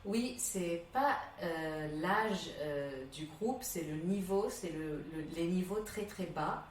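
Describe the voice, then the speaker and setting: A woman from England, a teacher of English, speaking in a casual and animated way, leaning on repeated words for emphasis. Her voice sits a little low and is picked up from some way off the mic, in a roomy space with a faint hum of ambience behind her. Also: takes it slowly, recorded from a distance. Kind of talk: casual podcast interview.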